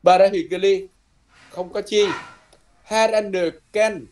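A man teaching a language lesson, patiently repeating words slowly and ending his phrases with soft tags. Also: fairly high pitch, a little hiss or hum. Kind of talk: lesson explained from a textbook.

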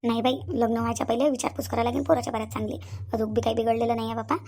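A worried elder sister, voiced by a woman, talks to herself very fast in a high voice with a Vidarbha Marathi accent. She frets and repeats her thoughts. A cartoon role. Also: flat delivery, darkish tone, breathy edge. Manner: fretful, thinking aloud, repeats herself. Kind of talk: cartoon voice acting.

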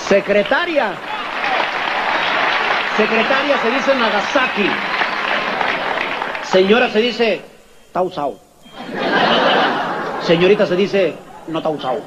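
A man doing a stand-up comedy routine, telling jokes in an animated way and acting out characters in squeaky and whispered voices. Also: slow, long pauses. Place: stage before a live audience. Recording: lo-fi live stage recording with crowd noise.

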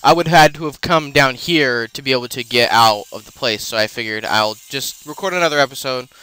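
A man's voice: mid-range voice, fairly quick, bright, forceful tone, clear, resonant tone. A man casually commenting while he plays a video game, rambling with many fillers and self-corrections as he explains what he is doing. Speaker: let's play host.

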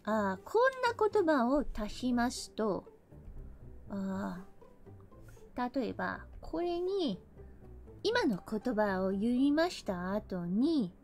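Woman from the American South, streamer teaching English; high, bouncy voice, playful with mock-angry slang outbursts, faint music behind. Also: very animated, very slow, pauses often, a little mellow. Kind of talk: casual live-stream English lesson.

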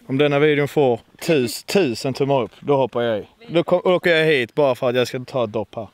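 A man in his twenties, a YouTuber joking and laughing as he vlogs outdoors at a farm with animals. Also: mid-range voice. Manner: joking, playful, laughs often. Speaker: YouTuber filming with his nephew. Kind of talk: casual vlog chat.

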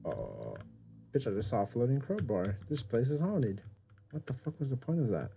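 A young man plays a horror game and talks to his viewers, swearing freely at every scare. His voice is mellow in tone but jumps around a lot in pitch. Faint keyboard clicking sits under the talk. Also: very animated, moderate pace, gravelly, slight background noise. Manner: profane, jumpy reactions. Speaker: gaming YouTuber. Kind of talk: casual game commentary.

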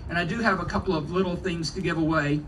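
Texan mayor, folksy ceremony speech, mic set back from him, noisy room, voice a bit high. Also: male voice, fairly even intonation. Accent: Texas. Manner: folksy, halting, with restarts. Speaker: city mayor. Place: event at a corporate headquarters. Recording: distant mic with clear background noise.

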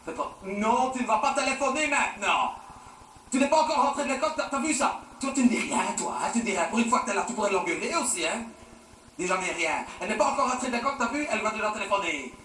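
A man's voice: high voice, animated, quick pace, sharp tone. A man doing a nagging dad. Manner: nagging, sarcastic, repeats himself with "hein". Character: exasperated nagging middle-aged father scolding his teen daughter. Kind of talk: stand-up character sketch. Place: theatre stage. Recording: roomy stage sound from far off, faint noise.

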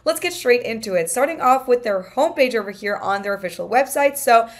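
Upbeat high-voiced woman reviewing a game. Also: lively intonation, a little fast. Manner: gushing and upbeat, reads website text aloud with fillers. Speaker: crypto game reviewer, channel host. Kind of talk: enthusiastic promotional screen-share review.

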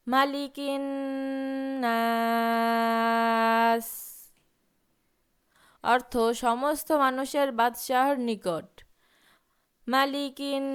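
A woman who speaks Bengali natively, teaching Quran recitation by sounding out letters and vowel marks, drawing out the recited words slowly and adding quick spoken explanations. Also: high-pitched, clean tone.

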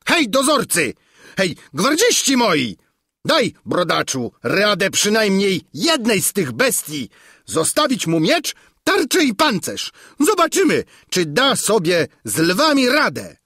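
A man's voice: high voice, huge pitch swings, slow pace, sharp tone, husky, no echo, studio quality, voice pushed up, full character voice. A man voicing a cruel, hot-tempered tyrant king who shrieks out orders in an audiobook. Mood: roaring. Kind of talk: audiobook character voice.

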